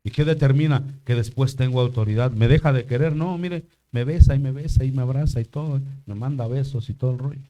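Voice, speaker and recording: A man's voice: mid-range voice, brisk, hardly any pauses, dark tone, dull audio. An older man preaching a sermon in church, asking the congregation questions as he goes. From Mexico. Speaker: pastor.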